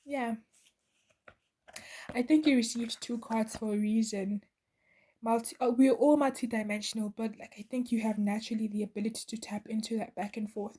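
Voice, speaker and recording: A woman's voice: fairly high pitch, dark tone, breathy edge. A woman giving a channeled tarot reading to her viewers, earnest and meandering, with many fillers and restarts. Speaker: tarot reader.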